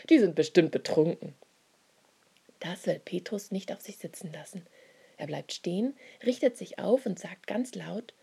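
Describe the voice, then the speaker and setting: Husky woman reading a Bible story. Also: fairly low pitch. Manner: soft, often half-whispered.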